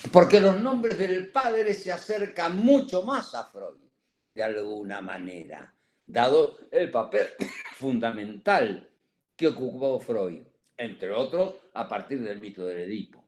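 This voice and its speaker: A man's voice: medium pitch, a little mellow. A man giving a psychoanalysis seminar lecture, digressive and full of "¿eh?" tag questions, with a cough and an itchy throat.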